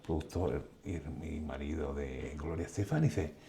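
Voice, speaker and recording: Older Spanish man, low gravelly voice, lively raconteur in relaxed chat. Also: moderate pace, a little hiss or hum. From Spain. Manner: animated storyteller acting out quoted dialogue. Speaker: guest photographer. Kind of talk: casual conversation.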